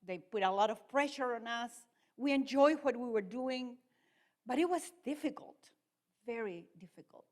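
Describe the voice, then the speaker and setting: A woman's voice: a little high, animated, moderate pace, a little mellow. Woman. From Chile. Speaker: guest speaker, ministry leader. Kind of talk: personal testimony.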